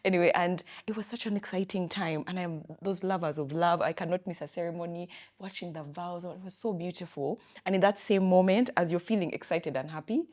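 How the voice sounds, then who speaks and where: Ugandan woman cohost, chatty and thoughtful, slightly low voice, acts out her own thoughts. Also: fairly quick, few pauses. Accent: Ugandan English. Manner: reflective, animated storytelling with quoted inner thoughts. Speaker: podcast co-host. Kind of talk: casual chat.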